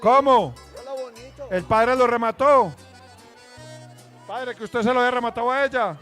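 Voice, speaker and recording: A man's voice: very high voice, unhurried, pushed and bright, faint music behind, some chatter behind. A man with a Colombian accent from Antioquia co-hosting a live auction, announcing informally.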